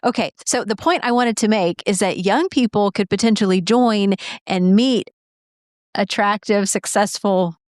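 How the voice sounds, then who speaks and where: A woman's voice: mid-range voice, moderate pace, a little mellow, no room sound. A woman hosting a casual studio interview, chatty and playful. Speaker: host.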